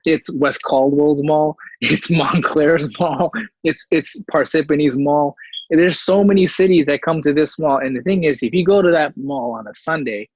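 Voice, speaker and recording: A man's voice: a little high, moderate pace, no echo. A man co-hosting a podcast in casual conversation, easygoing and supportive, often saying "man". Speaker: podcast co-host. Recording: slightly muffled audio.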